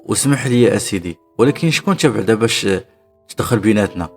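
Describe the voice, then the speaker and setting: A man voicing a bold, scheming young woman in a Moroccan story, with a Moroccan accent and a loud, indignant way of complaining. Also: on the low side, expressive, fast talker, creaky, soft background music. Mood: polite.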